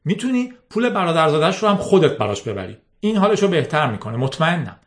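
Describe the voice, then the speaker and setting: A man's voice: on the high side, very animated, pitched above the performer's own voice. Male reader as a condescending middle-aged boss in an audiobook. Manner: smooth, condescending, controlling. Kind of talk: audiobook reading.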